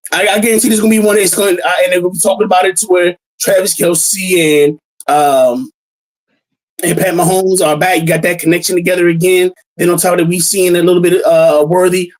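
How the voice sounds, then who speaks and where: A man hosting a casual sports chat, excitable, stammering and repeating himself. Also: high voice, fairly quick, rough recording. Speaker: podcast host.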